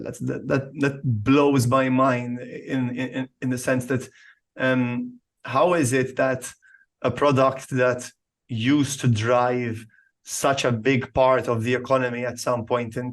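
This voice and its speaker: Even-toned male interviewer, stammering phrasing. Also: medium pitch. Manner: stammering repetitions while forming questions. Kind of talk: casual conversational interview.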